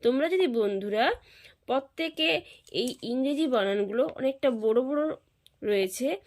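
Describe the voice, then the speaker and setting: A woman's voice: high-pitched, lively intonation, a little slow, darkish tone. A woman teacher, patiently drilling children through spellings one syllable at a time.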